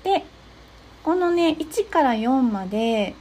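A young woman hosting an advice talk, explaining steps gently with frequent soft agreeing fillers. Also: sits high, expressive, slow pace. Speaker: podcast host giving advice to therapists.

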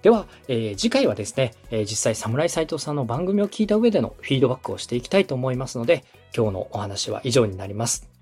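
In a podcast dialogue, a podcast host, coach and radio director from Osaka, Japan explains things politely and encouragingly. He talks fast with hardly any pauses, in a medium-pitched, sing-song, darkish and husky voice, as faint music plays behind.

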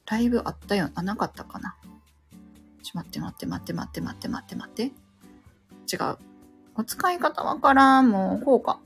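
A woman's voice: mid-range voice, brisk, vocal fry, pauses often, soft background music. A woman with a Kansai accent, a stay-at-home mother chatting casually and self-deprecatingly on her own show, often losing her train of thought. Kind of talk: casual solo chat.

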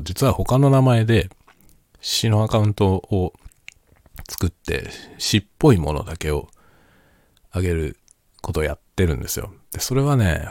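A man with a low voice speaks quietly, as in a casual chat late at night. He explains things reflectively, circling back to repeat phrases. The sound is dry, with very little room. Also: no room sound. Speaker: solo host of a spoken chat.

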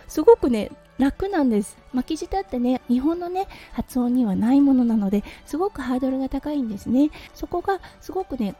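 Mellow-voiced Japanese woman podcast host. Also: sits high, husky. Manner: chatty, frequent "ne" and "hai" fillers. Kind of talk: casual solo radio talk. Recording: faint music behind.

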